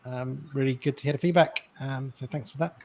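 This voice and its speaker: A man co-hosting a live online show, relaxed, thanking viewers and passing along questions. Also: medium pitch, a little fast, a little hiss or hum. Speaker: co-host. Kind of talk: casual live-stream chat.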